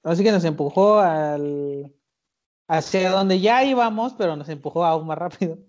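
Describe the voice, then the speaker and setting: Mexican man, podcast host, relaxed chatty delivery, slightly raised pitch. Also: normal speed. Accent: Mexican Spanish. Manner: chatty, hesitant fillers, laughs often. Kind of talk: casual chat. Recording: lo-fi recording.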